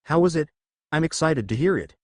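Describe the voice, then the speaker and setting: A man's voice: on the high side, lively intonation, brisk, dry recording, studio quality. A man voicing a giddy, nosy teen girl in a read-aloud story.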